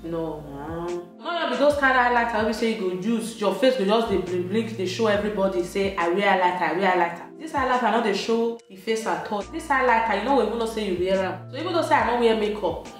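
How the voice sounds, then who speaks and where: A woman's voice: medium pitch, lively intonation, fast, few pauses. A woman with a Nigerian Pidgin accent, chatting casually through a makeup tutorial in a playful, emphatic way. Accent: Nigerian Pidgin English. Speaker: beauty vlogger. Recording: very echoey room, light music behind.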